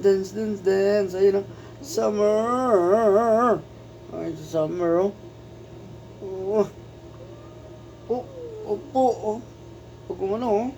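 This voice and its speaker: A woman's voice: mid-range voice, dark tone. A woman talking fondly to her cat at home in doting, coaxing baby talk. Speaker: pet owner filming her cat. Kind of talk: casual talk to a pet. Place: at home indoors. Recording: dull lo-fi home video with faint noise.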